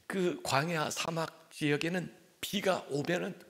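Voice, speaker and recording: Gravelly pastor preaching conversationally. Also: male voice, on the high side, a little slow. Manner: conversational, self-deprecating, with frequent soft whispered asides. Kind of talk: sermon.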